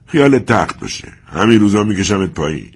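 A man's voice: fairly low pitch, sing-song, breathy edge, pitched above the performer's own voice, heavily acted. A man voicing a stern middle-aged father who calls out urgently. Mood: defiant. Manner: calling out urgently.

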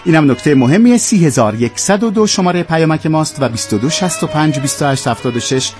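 A man's voice: on the high side, expressive. A man hosting a radio programme, speaking in a presenter's style. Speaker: radio host. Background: music.

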